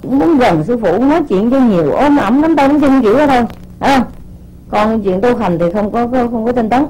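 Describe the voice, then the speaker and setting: High-voiced woman scolding her disciples. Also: animated, a little fast, warm tone, slightly rough, poor audio. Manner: scolding, repeats words while searching, rhetorical questions. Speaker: spiritual teacher addressing disciples. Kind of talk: informal spoken sermon.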